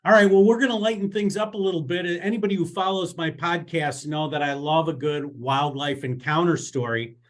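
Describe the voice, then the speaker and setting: A man's voice: a little high, brisk, few pauses. A man hosting an interview podcast, asking questions in a friendly, upbeat way. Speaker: podcast host.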